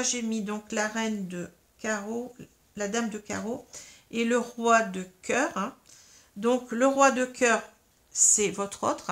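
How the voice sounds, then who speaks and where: A woman giving a tarot reading to her viewers, explaining each step patiently and often adding small fillers as she goes. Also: mid-range voice. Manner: patient, explains step by step, frequent "hein" and "euh". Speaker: tarot card reader. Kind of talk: guided tarot reading to camera.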